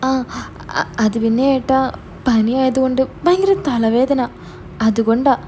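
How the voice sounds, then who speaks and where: A frightened teenage girl, as a woman puts her on stumbles over her words and begs in a high, anxious voice. The tone stays soft and mellow rather than sharp, and there is a faint hiss behind it in this storybook reading. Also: unhurried. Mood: scared pleading. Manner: hesitant, stammering. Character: teenage girl, younger sister, scared and pleading.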